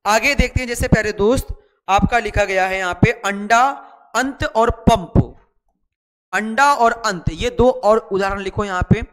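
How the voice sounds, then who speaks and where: A man's voice: sits high, a little slow, a bit bright, big-room sound. A man teaching shorthand in a chatty online lesson, repeating words and asking and answering his own students' questions. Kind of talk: online lesson, explaining while writing.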